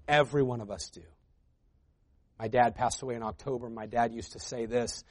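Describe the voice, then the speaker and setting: A man preaching a sermon as a guest preacher, moving between quiet intimate lines and loud emphatic builds, reading scripture aloud. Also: medium pitch, fairly even intonation, brisk. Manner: reads scripture aloud between conversational asides.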